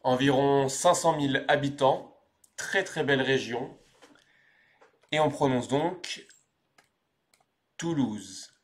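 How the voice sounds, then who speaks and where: A man in his twenties with a Parisian accent, teaching French pronunciation slowly and clearly, repeating each word. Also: medium pitch. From France. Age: 20s. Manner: slow, clear pronunciation drills with repetition. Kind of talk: scripted language lesson.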